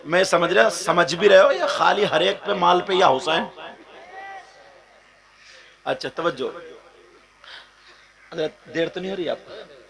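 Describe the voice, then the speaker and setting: High-voiced impassioned man preaching. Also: measured pace, gravelly, long pauses, a crowd in the background. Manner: swings from soft asides to impassioned shouted, half-sung climaxes; keeps questioning the audience directly. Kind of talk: emotional religious sermon to a live crowd. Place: stage before a live gathering.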